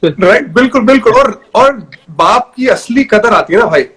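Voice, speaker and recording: A man in his thirties hosting a casual live video chat over a phone, telling stories with lively energy. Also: high-pitched, moderate pace. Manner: animated storyteller who acts out quoted remarks. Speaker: host. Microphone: phone on a video call.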